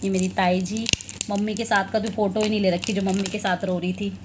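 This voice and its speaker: A young woman vlogger chats casually with her viewers while showing her wedding album. She talks in an easy, chatty way, breaking into laughs between remarks at a middle pitch. A faint hiss runs under the recording. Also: flat delivery, a little fast.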